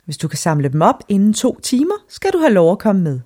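Woman doing sneering cold stepmother, storybook reading, mellow dark tone. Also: mid-range voice, sing-song, husky. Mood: scornful. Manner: sneering, dismissive. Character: cold scornful stepmother, middle-aged woman.

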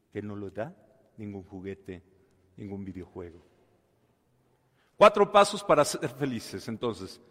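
A man preaching a sermon. He tells a story with dramatic swings from soft to loud and asks the listeners questions. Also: on the low side. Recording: long hall reverb.

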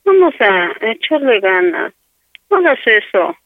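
Woman, high voice, pleading and tearful, tinny phone line. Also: big pitch swings, unhurried, no room sound. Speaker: prank call target.

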